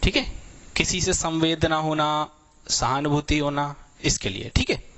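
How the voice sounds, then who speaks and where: A young man gives a vocabulary lecture in a chatty, explanatory way. He walks students through meanings with homely examples and keeps checking in after every point. His voice sits a bit higher than most men's. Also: a little slow, fairly bright tone. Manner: explanatory, repeats "thik hai" constantly, tells everyday examples. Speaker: teacher.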